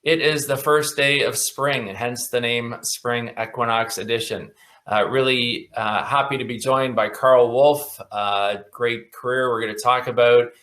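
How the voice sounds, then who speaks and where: A man hosting an online music interview, speaking enthusiastically and often pausing on "uh". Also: medium pitch, fairly even intonation, a bit bright. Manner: enthusiastic, heavy on "uh" fillers. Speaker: host. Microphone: video call mic.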